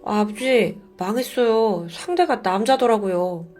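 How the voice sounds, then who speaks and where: A woman quoting a nervous, ashamed young man in a quiet, subdued voice while telling a story. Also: mid-range voice, a little slow, soft background music, natural voice.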